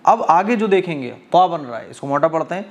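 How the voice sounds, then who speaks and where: Guy teaching quran reading, slightly high voice, walks through rules step by step then chants verses slow and stretched. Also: animated. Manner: explains step by step, often checks understanding; chants verses slowly with drawn-out vowels. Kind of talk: tajweed lesson.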